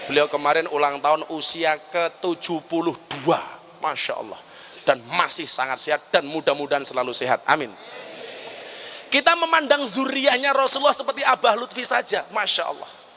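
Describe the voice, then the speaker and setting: A man's voice: on the high side, sharp tone, slight background noise. A middle-aged man preaching a humorous sermon, full of joking asides. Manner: joking asides, then chanting and singing verses.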